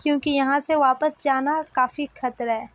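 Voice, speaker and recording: A woman voicing a calm, firm young man who takes charge in a storybook dub. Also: high-pitched, normal speed, close to an everyday voice.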